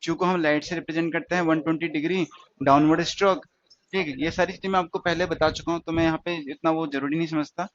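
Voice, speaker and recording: Male shorthand tutor, slightly high-pitched, steady repetitive classroom delivery, muffled lo-fi audio. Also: dry recording. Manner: slow, repetitive explaining with questions to students. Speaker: stenography teacher. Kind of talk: classroom lesson.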